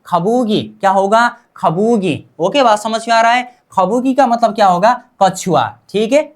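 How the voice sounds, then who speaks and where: A fairly high-pitched woman takes a class through a language lesson. She drills each sound slowly, asks her own questions and answers them in the same breath. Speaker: Korean language teacher.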